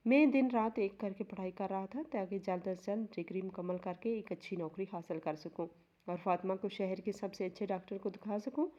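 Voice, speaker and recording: Woman storyteller, earnest emotional narration, warm mellow tone, slightly dull recording. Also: medium pitch, fairly quick. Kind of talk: scripted first-person story narration.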